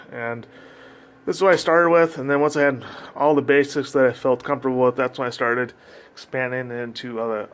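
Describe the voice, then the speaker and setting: A man with a mid-pitched voice gives an informal walk-through as a boat crew member. He explains things in a practical, matter-of-fact way, as someone showing equipment by hand in an engine room. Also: fairly bright tone.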